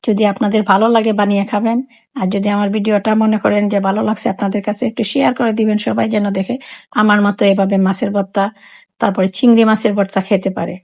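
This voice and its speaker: A woman's voice: medium pitch, little pitch movement, quick pace, gravelly, a little mellow. A woman with a Sylheti Bengali accent, walking viewers through a home cooking demonstration in a chatty, repetitive way. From Sylhet, Bangladesh. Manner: chatty, repeats phrases, explains each step. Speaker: cooking vlogger.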